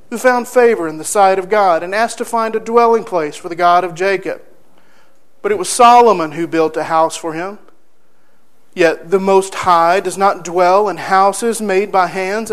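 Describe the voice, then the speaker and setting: A man preaching a sermon, reading scripture aloud and expounding it with rhetorical questions, moving between loud declaiming and hushed emphasis. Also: sits high, measured pace, rough recording.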